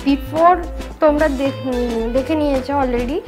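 A woman's voice: high voice, racing, music in the background. A woman vlogger chatting casually through a product review while wearing a sheet mask, slipping English words into her talk. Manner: chatty, mixes English into Bengali. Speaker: beauty vlogger.

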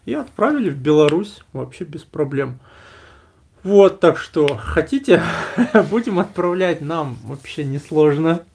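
A man's voice: on the high side, animated, measured pace, creaky, darkish tone, a little hiss or hum. A man in his thirties chatting casually as a vlog host, in an informal, slangy, joking way. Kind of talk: casual chat. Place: small indoor room packed with gear.

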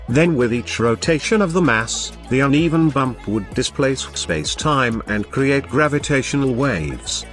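A man narrating a science explainer video at a mid-range pitch. He reads a prepared script in a plain, informal way. Faint music plays softly behind him.

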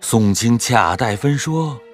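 A man narrating a classic story in a measured, expressive way. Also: mid-range voice, faint music behind.

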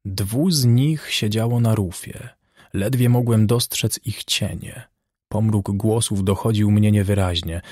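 A man narrating a classic novel as an audiobook in a measured, even manner. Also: lowish voice, slightly rough, no room sound, clean studio sound. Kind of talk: scripted narration.

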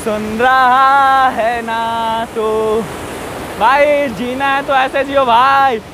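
A chatty male travel vlogger with a very high voice and level tone walks a rocky hillside beside a waterfall, addressing viewers throughout and repeating safety warnings. Background noise and a faint rushing of water accompany his casual vlog.

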